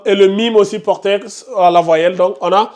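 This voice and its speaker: A man's voice: high-pitched, fairly even intonation, moderate pace, darkish tone. A man teaching a live tajwid class, questioning students by name and insisting they concentrate. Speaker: Quran recitation teacher.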